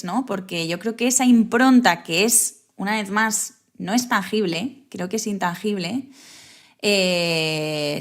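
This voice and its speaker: A woman guest on an interview podcast, speaking at a middle pitch. She thinks out loud, circling back over her words and often ending with a questioning tag. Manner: thoughtful, restarts phrases, frequent tag questions. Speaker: guest photographer. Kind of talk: reflective interview talk.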